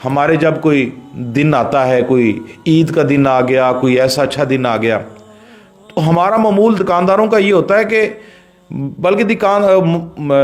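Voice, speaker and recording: A man with a Pakistani Urdu accent delivers a storytelling sermon in a fairly high voice. He speaks straight to his listeners, sinking into quiet murmurs and then lifting into raised, emphatic phrases. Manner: narrates a religious story, shifting between low murmurs and raised emphatic lines; addresses listeners directly. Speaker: pir preaching a religious sermon.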